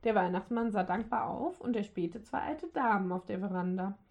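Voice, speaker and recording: Mellow woman reading a story aloud. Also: mid-range voice, moderate pace. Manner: lively reading with occasional slips and restarts. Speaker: audiobook narrator.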